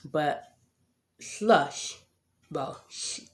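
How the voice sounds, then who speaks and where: The stuttering podcast host with a slight lisp shares personal experience in a casual way, with repeated words and lots of "um" and "right?". The voice is medium-pitched and very slow, and the room sounds echoey.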